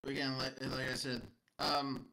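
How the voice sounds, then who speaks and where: A man voicing a calm, courtly old vampire lord, speaking haltingly with many fillers. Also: medium pitch, gravelly, poor audio. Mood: cordial.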